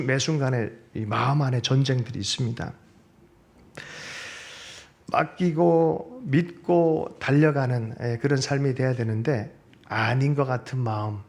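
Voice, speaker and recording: A male pastor preaching a sermon in a church, animated and often asking the congregation questions. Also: medium pitch. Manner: animated, asks the congregation questions and seeks their agreement. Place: church sanctuary.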